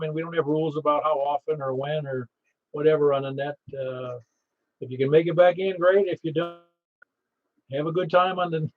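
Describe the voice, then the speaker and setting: Chatty higher-pitched man hosting a radio net. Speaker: amateur radio net host. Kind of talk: casual net hosting with call signs. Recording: slightly dull radio recording.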